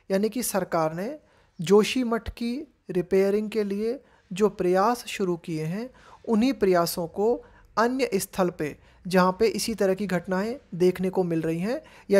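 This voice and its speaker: An Indian woman teaching English, reading editorial phrases slowly and explaining each one in Hindi. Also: mid-range voice, darkish tone.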